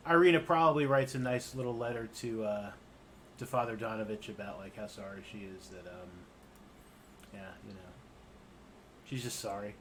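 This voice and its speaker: A man acting as game master in an online group voice chat, talking in a relaxed, rambling way with lots of fillers. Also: lowish voice, normal speed, long pauses, noisy background. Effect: online group voice chat, connection drops out. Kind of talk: narrating a tabletop game.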